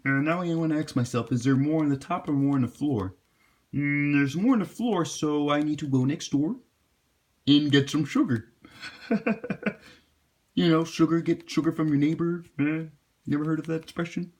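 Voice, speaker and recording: A sassy frog puppet with a raised, nasal-leaning voice, played by a man. He jokes, haggles and teases his way through a homework problem for a children's math video. The pitch sits well above an ordinary man's voice. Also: normal speed, pauses often, a little mellow, natural voice. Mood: cheeky. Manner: sassy, joking, bargains and teases. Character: cheeky wisecracking male frog puppet.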